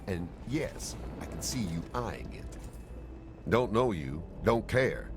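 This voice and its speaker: Surly male arms trader, brusque, very animated pitch, game dialogue, faint music. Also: slow pace. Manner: brusque, impatient. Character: curt, surly male arms dealer at a market. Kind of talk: video game character dialogue.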